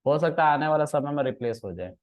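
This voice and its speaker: A man's voice: fairly high pitch, animated, fast, darkish tone. A man teaching a class as their trainer, teasing his students in playful, casual banter and mixing in English words.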